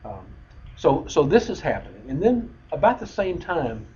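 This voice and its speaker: Man, bible study teacher, mellow voice, loose rambling delivery, dull lo-fi recording with faint hiss. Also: on the high side, very animated, normal speed. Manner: rambling, frequent fillers and restarts. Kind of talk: unscripted bible history lecture.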